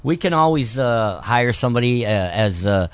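A man's voice: medium pitch, lively intonation, moderate pace, smooth. A man co-hosting a radio show, joking and rambling with lots of fillers in casual banter. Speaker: radio co-host.

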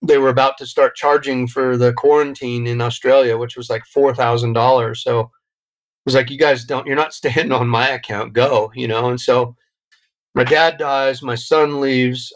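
A man's voice: mid-range voice, low-quality recording. Reflective middle-aged man telling his story. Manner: reflective, emotional storytelling with frequent restarts. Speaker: podcast guest. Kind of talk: interview conversation.

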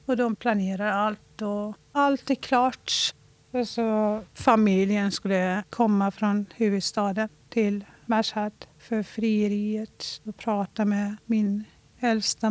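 A woman from Iran telling a personal story in an interview, reflective and halting, slowing down when she talks about her feelings. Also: mid-range voice, little pitch movement, a little mellow, dry recording.

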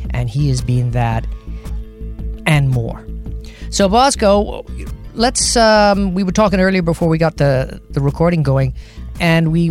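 A man hosting a podcast interview, talking casually with a few hesitations. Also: fairly high pitch. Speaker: podcast host.

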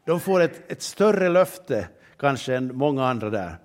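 A man's voice: medium pitch, very animated. A man preaching a sermon in an earnest way, often asking rhetorical questions and reading scripture aloud with emphasis.

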